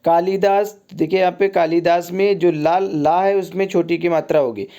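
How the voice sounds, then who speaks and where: A man leads a recorded exam-prep lesson, going through words one by one. His voice is a little high but soft and warm in tone. He repeats each point and keeps checking in with his listeners. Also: steady tone, normal speed. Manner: repetitive teacher, keeps saying "ठीक है" and contrasting wrong and right forms. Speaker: Hindi exam tutor.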